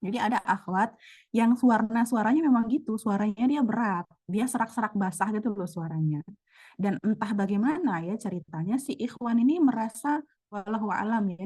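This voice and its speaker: A woman's voice: fairly low pitch, warm tone. A woman chatting casually in an online religious study group, telling a story with many fillers.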